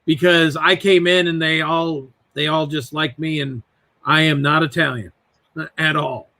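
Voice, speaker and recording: A man in his forties telling lively family stories on a podcast over a video call. His voice is bright and fairly high, and he slips into voices for the people he describes. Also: unhurried. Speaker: podcast guest. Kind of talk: casual storytelling.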